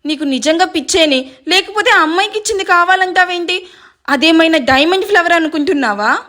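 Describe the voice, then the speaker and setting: A woman's voice: very high-pitched, expressive, fairly quick, bright, forceful tone, pitched above the performer's own voice, exaggerated voice. A woman voicing a teasing young man who bickers and mocks, in a read-aloud Telugu story. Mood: bickering. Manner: mocking and exasperated.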